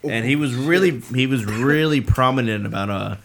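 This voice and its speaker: A man's voice: mid-range voice, moderate pace, a little hiss or hum. A man in his late twenties, a band's drummer, chatting casually in an interview and rambling with lots of fillers and restarts. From Southern California. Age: late 20s. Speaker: drummer in a band.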